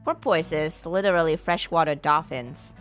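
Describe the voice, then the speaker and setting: A woman's voice: low voice, measured pace, soft background music. A woman streamer giving casual game commentary, reading on-screen text aloud and swearing now and then.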